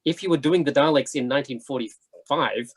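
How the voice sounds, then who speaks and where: Speaking very quickly in a mid-range, slightly husky voice, a writer on a panel thinks out loud in a casual discussion. He explains his views while dropping in frequent asides.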